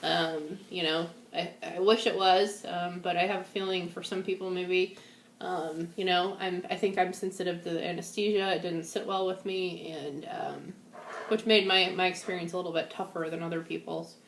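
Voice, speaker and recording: A woman's voice: on the low side, fairly even intonation, moderate pace, slight background noise. A woman talking casually to camera at home, sounding weak, shaky and a bit out of it while recovering from surgery. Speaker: vlogger sharing a post-surgery update. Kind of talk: casual personal video diary. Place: indoors at home. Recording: echoey room.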